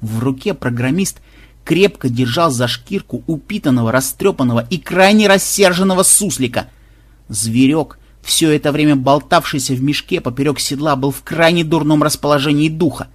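Man, audiobook narration, husky voice, slightly high. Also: normal speed. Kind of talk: scripted narration.

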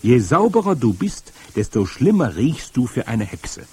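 A man reading aloud and voicing a stern old grandmother who explains things firmly, with a husky voice. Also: medium pitch, very animated, darkish tone, voice pushed up, full character voice. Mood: stern, lecturing. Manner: firm, lecturing, drawn-out emphasis. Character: stern old grandmother, matter-of-fact storyteller. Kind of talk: audiobook reading.

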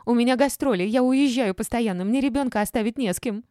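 A woman reading an audiobook, voicing a shrill, rude young actress who yells and screeches. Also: very animated, moderate pace, no room sound, clean studio sound, natural voice. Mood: shrieking. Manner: screeching, yelling. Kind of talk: audiobook character voice.

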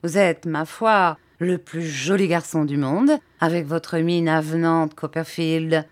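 A woman's voice: deep voice, fairly even intonation, slow pace. A woman reading the lines of a confident, easygoing young male student in an audiobook, in a breezy, cheerful way.

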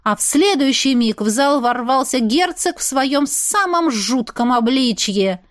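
A woman's voice: high voice, animated, a little slow, no echo. Woman narrating an audiobook, dry sound. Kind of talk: first-person audiobook narration.

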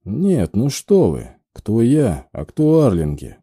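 A man's voice: mid-range voice, wildly swooping pitch, slow pace, warm tone, slightly rough, no room sound, studio quality, heavily acted. A man as a blunt grumbling warrior. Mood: sardonic.

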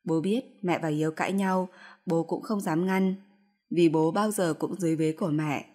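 A woman narrating a story in first person with a steady, expressive reading. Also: on the low side, moderate pace.

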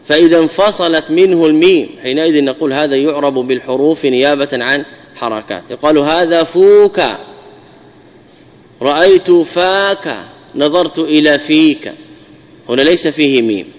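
A man's voice: on the high side, big-room sound. A man giving a classical grammar lesson, often repeating key words and answering his own questions. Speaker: Islamic scholar teaching Arabic grammar.

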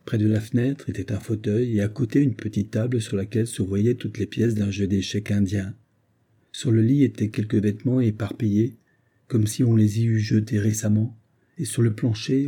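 A man narrating a classic novel as an audiobook, in a measured, steady reading. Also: on the low side, husky.

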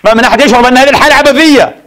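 A man's voice: extremely high pitch, rapid-fire, a bit bright. A man preaching a Friday sermon, emphatic, firing off rhetorical questions and repeating phrases as he addresses the congregation as brothers.

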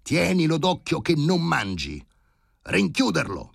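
Man playing a bossy old surgeon, shrill barked orders, jumpy lively pitch, audiobook. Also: a little slow, husky, no room sound, studio quality, exaggerated voice. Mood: commanding. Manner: shouts urgent orders, high and strained. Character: agitated elderly male surgeon, commanding.

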